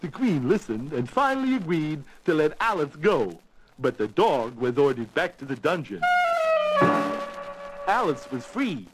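A friendly, folksy cartoon gorilla tells a storybook tale. The voice sits fairly high for a male and swings expressively through the lines, with music playing behind it. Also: very animated, unhurried, breathy edge, heavily acted, rough recording. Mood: storytelling. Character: friendly pet-shop gorilla babysitter telling a bedtime fairy tale. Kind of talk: animated children's storybook narration.

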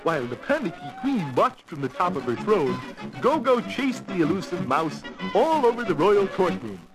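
Friendly gorilla babysitter, animated children's storyteller, folksy and expressive, music underneath. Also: male voice, high-pitched, normal speed, poor audio. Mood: storytelling. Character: friendly pet-shop gorilla babysitter telling a bedtime fairy tale. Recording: music behind the voice.

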